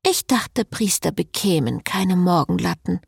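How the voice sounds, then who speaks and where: A woman's voice: fairly low pitch, expressive, measured pace, vocal fry, husky, no room sound, studio quality, full character voice. A woman voicing a hungover, teasing young woman in an audiobook scene, drowsy and blunt.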